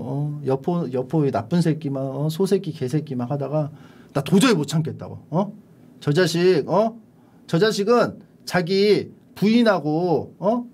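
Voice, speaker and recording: A man's voice: on the high side, a little mellow, breathy edge, exaggerated voice. A man voicing an indignant male officer who complains and pleads.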